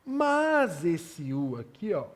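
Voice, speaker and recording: A man's voice: on the high side, big pitch swings, slow, big-room sound. A Portuguese-speaking man with a Brazilian accent teaching English pronunciation in a lesson, repeating words and checking understanding often. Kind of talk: classroom lesson explanation.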